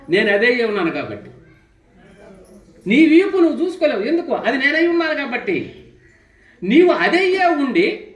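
Teacher, lively questioning sermon. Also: high voice. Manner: questions the listeners often, tells folk parables. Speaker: spiritual teacher. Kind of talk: devotional discourse. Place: ashram hall. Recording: roomy hall echo.

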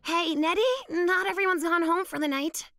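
A woman's voice: extremely high pitch, moderate pace, a little hiss or hum. A woman voicing an eager, flustered young female yeti in a cartoon, talking to herself and sighing. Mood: frustrated. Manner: animated, sighing, talks to herself. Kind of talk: cartoon voice acting.

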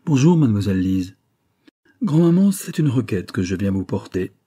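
A man's voice: fairly low pitch, sing-song, normal speed, warm tone, slightly rough, dry recording, studio quality. A man reading an audiobook, voicing an eager young officer who talks cheerfully to his grandmother.

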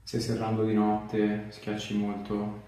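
A chiropractor treating a patient gives short, direct instructions and questions, mixed with casual chat, in a small, bare indoor treatment room. His lowish voice is warm, slow, and completely flat. The recording is roomy, with a distant mic, faint noise, and clicks.

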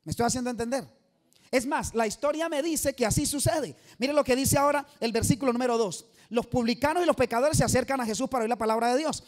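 Speaking fast with an extremely high pitch, the man preaches an evangelistic sermon to a live church congregation. He is emphatic and quizzes his listeners for answers.

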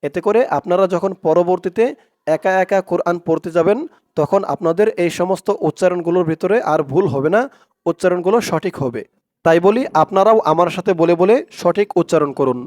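A man teaching Quran reading, chanting drawn-out syllables for students to repeat and adding quick, quieter explanations of pronunciation rules in Bengali-accented speech. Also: high voice, no room sound, clean studio sound. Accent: Bangladeshi Bengali. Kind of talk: slow recitation lesson with spoken explanations.

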